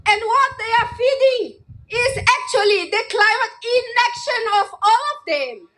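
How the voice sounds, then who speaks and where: A woman delivers an impassioned speech with emphatic, declamatory phrasing. Her voice is extremely high and bright, and she takes her time over each phrase. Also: a little slow. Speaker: farmer activist, speaker.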